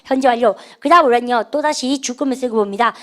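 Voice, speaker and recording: 여성, 높은 목소리, 영어 문법 강의, 구령에 맞춰 따라 말하게 함, 예문은 천천히. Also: female voice, a little high, fairly bright tone. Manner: call-and-response drilling, cues students with "시작" and says English sentences slowly. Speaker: English grammar teacher. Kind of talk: classroom grammar lecture.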